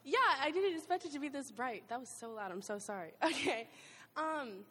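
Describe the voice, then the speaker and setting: A woman's voice: high-pitched, animated, moderate pace. A teenage girl sharing her church camp testimony into a handheld microphone, rambling and giggly with lots of "like". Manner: giggly, rambling, heavy use of "like". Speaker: youth group member sharing testimony. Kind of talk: casual spoken testimony. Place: large hall at a youth church event. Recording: reverberant hall.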